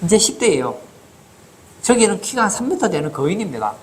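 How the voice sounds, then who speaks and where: A man's voice: high voice, very animated, fairly quick, a little hiss or hum. A man preaching a sermon as pastor in a church, asking the congregation rhetorical questions.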